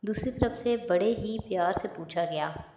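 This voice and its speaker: Slow-reading woman storyteller. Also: mid-range voice, slight background noise. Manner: slow, steady narration. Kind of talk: reading a romance novel aloud. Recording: echoey room, slightly dull.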